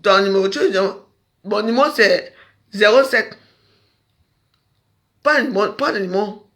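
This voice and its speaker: A woman with a gravelly, creaky voice gives an emotional interview on the street. She repeats phrases in exclamation, and her voice sometimes comes close to tears. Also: medium pitch, normal speed, a bit bright.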